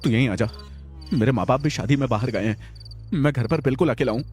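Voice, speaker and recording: A man's voice: lowish voice, animated, moderate pace, darkish tone, soft background music, natural voice. A man voicing Vicky, a terrified young man alone at home at night, pleading with his friend in a trembling, panicky way in a Hindi audio story.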